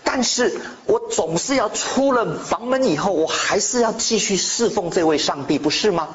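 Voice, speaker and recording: Animated male pastor preaching. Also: high-pitched, normal speed. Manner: animated preaching, rhetorical questions to the congregation; mixes in English words. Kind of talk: sermon. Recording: slightly dull, faint room noise.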